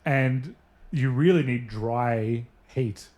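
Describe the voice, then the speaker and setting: A man's voice: medium pitch, takes it slowly, darkish tone. A man in casual conversation, thinking aloud in a tentative, informal way. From family from Lebanon. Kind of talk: casual conversation about family and culture.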